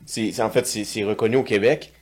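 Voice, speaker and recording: A man's voice: lowish voice, steady tone, fairly quick. A man with a Québécois French accent, co-hosting a casual podcast chat, ranting heatedly and swearing. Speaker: podcast co-host.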